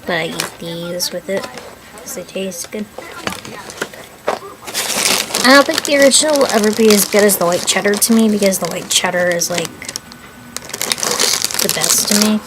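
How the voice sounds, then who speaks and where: A woman's voice: mid-range voice, a little slow, pauses often. A young woman in casual chat as a mukbang vlogger, rambling and swearing casually while she eats. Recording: noticeable background noise.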